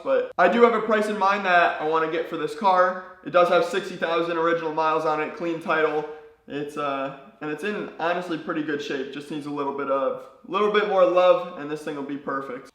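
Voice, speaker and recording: A hoarse young man losing his voice, chatting casually to his vlog audience in a garage, rambling with plenty of fillers. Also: a little high. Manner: relaxed, rambling, many fillers. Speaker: car-build YouTuber. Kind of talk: casual vlog talk to camera. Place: home garage. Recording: echoey garage.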